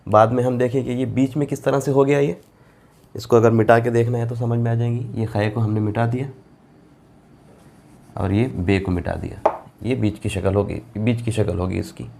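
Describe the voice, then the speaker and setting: Slow, patient male Quran reading teacher. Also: mid-range voice, fairly even intonation, a little mellow. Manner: patient, repetitive, drawing out letter names slowly. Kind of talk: board lesson explaining Arabic letters.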